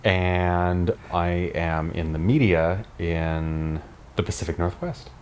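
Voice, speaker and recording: Man, late 30s, interviewee: deep, easygoing, explains things thoughtfully. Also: slow pace, a little hiss or hum. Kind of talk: documentary interview.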